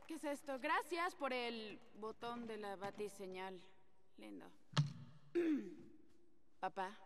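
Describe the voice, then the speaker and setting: An actress playing a confident, upbeat young woman police chief in an animated film dub. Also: medium pitch, big-room sound, a little hiss or hum.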